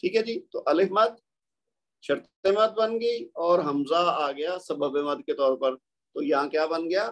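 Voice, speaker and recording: A man with a slightly raised voice teaches recitation rules in a calm, patient way. He talks through each example step by step, pausing often to ask a question and then answer it himself. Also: a little high. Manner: patient, explanatory, asks and answers his own questions. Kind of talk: tajweed lesson.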